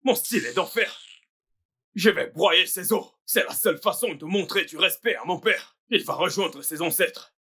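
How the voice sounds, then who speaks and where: A man's voice: high voice, normal speed, bright, forceful tone, breathy edge, exaggerated voice. A man dubbing a vain young fashion designer who rants and vows revenge, in a French film dub. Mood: ranting. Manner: boastful, ranting threats.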